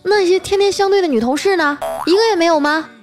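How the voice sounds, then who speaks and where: A woman voicing a jealous wife who yells questions at her husband. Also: very high voice, fast, pitched above the performer's own voice. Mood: furious. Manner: yelling interrogation. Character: fierce jealous wife, shouting.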